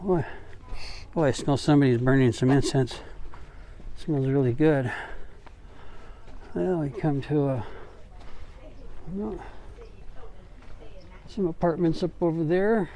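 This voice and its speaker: Strolling the streets with cars going by, this man vlogs his travels in a loose, homespun, joking style, occasionally swearing mildly. He speaks slowly with frequent pauses in a warm, fairly high voice, and the audio quality is poor.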